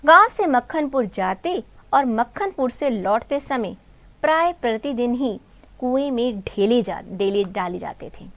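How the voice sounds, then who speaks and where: Woman teacher, high voice, explains a story line by line, asks and answers her own questions. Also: animated, a little slow. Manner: calls students "beta" and "bhai". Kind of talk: explaining a textbook story in Hindi.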